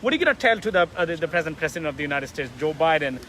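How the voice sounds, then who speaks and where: A man interviewing someone outdoors on a street, asking questions haltingly and stumbling over his words. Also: fairly high pitch, big pitch swings, bright, forceful tone. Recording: street noise and passing cars.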